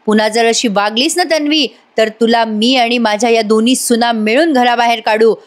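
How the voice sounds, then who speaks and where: A woman's voice: a little high, steady tone, moderate pace, lightly acted. A woman voicing a stern, commanding old matriarch with a firm, authoritative delivery.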